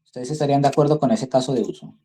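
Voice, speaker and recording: A man teaches an online class in a very dark, husky voice. He reasons aloud and keeps asking his students whether they follow. He speaks through a computer microphone on a video call. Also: mid-range voice, very fast. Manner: thinks aloud, checks in with tag questions. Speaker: university instructor.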